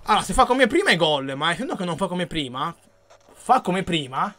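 A man giving live commentary while he plays a video game. He reads the chat aloud and yells and swears when the game goes wrong. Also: high voice, big pitch swings, brisk. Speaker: gaming streamer.

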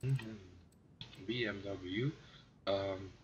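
A man with a cold, hoarse and raspy, rambling through casual gameplay commentary as a gaming video host and clearing his throat now and then. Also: fairly low pitch, takes it slowly, sharp tone, slight background noise. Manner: rambling, self-mocking, clears throat often.

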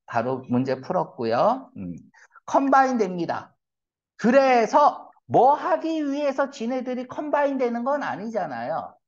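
A man's voice: very high voice, very animated, unhurried. A man teaching English reading in a classroom lecture, asking rhetorical questions and making blunt, slangy asides. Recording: dull lo-fi lecture recording.

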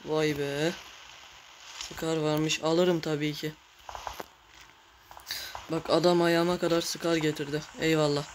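A man giving casual, excitable commentary while playing a mobile game, cursing and talking to his viewers. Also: fairly high pitch, slow, long pauses, background noise. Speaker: gamer.

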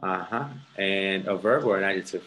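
Man, English tutor, one-on-one grammar lesson, patient, slightly low voice, repeats words to correct pronunciation. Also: a little slow, bright, forceful tone, slight background noise, low-quality recording.

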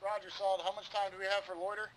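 Guy on helmet radio doing quick clipped radio checks, kinda high voice, gunfire everywhere. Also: level tone, background noise. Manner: clipped, rushed radio calls. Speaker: team radio operator in a military sim game. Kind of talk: military radio procedure. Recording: radio voice over loud gunfire.

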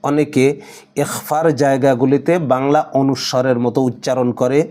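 A man's voice: mid-range voice, level tone, mellow. Bangladeshi man teaching careful Quran recitation. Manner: explains rules briskly, then recites drawn-out Arabic phrases. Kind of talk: tajweed lesson alternating explanation and slow recitation.

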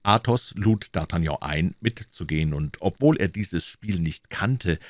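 A man narrating a classic novel as an audiobook reader in a calm, measured voice. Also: no room sound, studio quality. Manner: calm, measured, deep reading voice.

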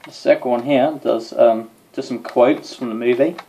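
With a medium-pitched, creaky voice, steady tone and normal speed, a young adult vlogger rambles casually through a toy demonstration to camera and sounds tired. He records on a mobile held at arm's length in a small bedroom, with faint noise and clicks audible.

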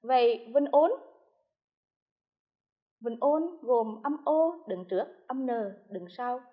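Woman teacher doing a tv lesson for first graders, slow careful words, high voice. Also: animated, phone-quality sound. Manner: slow, clearly articulated classroom delivery. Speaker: primary school teacher.

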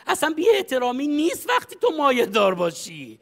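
A man's voice: very high voice, huge pitch swings, creaky, a bit bright. A man in a comedy sketch, bossily coaching someone with brash advice and frequent laughter. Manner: brash, bossy, laughs often while coaching. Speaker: comic advisor in a sketch. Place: studio stage.

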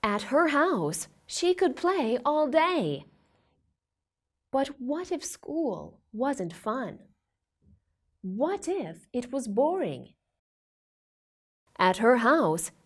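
Young lady reading storybook to a toddler, highish voice, super slow and expressive. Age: young adult. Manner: reading to a toddler, with simple questions and exaggerated expression. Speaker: storyteller for children. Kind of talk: read-aloud picture book storytelling for young children. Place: indoor studio with plain backdrop.

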